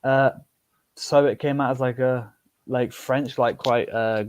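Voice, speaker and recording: A young British man from the United Kingdom, a polyglot guest on a podcast, chats casually about language learning, rambling with lots of fillers and restarts and laughing easily. His voice is medium-pitched, fairly even, a bit slow and darkish, clear and resonant, with no room sound.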